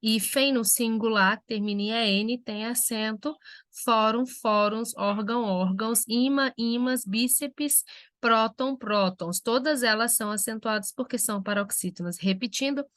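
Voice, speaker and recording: A woman's voice: fairly high pitch, a bit bright, no echo. Woman teacher in a dry lecture. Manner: slow, spelled-out examples for students. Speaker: Portuguese language teacher. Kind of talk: recorded lecture.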